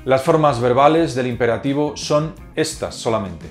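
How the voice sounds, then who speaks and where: A man narrating a scripted grammar lesson, reciting verb forms slowly and deliberately. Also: mid-range voice. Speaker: teacher. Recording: faint guitar music behind.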